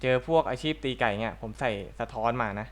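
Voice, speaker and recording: A man's voice: medium pitch, a little fast. A young man casually talking through a game tutorial, chatty and self-correcting as he thinks aloud while playing. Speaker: gaming channel host.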